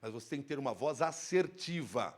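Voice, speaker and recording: A man speaking on stage at a workplace safety event, giving an expressive live lecture into a handheld microphone. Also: mid-range voice, fairly quick. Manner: animated, expressive, shifts tone to demonstrate.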